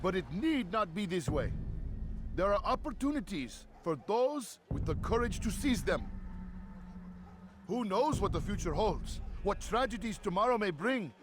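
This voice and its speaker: A man's voice: high-pitched, big pitch swings, unhurried, background noise. An actor playing a zealous street orator in a video game, proclaiming and persuading like a salesman to a crowd. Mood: persuasive, proclaiming. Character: zealous male street orator preaching a patron's promises to crowds.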